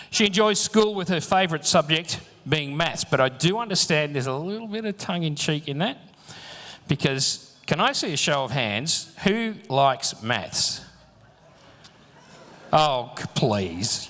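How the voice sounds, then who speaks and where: A man's voice: a little high, sharp tone. A man acting as MC at a live dance event, reading introductions with jokey asides to the audience. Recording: echoey hall sound.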